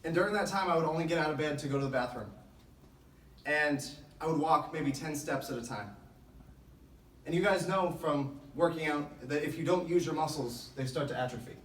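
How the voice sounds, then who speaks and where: A man's voice: a little high, a little fast, fairly bright tone. Echoey, distant man giving a motivational team speech. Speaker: motivational speaker. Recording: echoey room, distant microphone.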